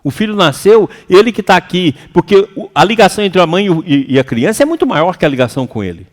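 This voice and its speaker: Animated high-voiced Brazilian man lecturing. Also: quick pace. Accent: Brazilian Portuguese. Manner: animated and colloquial, acts out quoted voices. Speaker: seminar speaker. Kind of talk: lively spiritual seminar lecture. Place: lecture hall with an audience. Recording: reverberant hall.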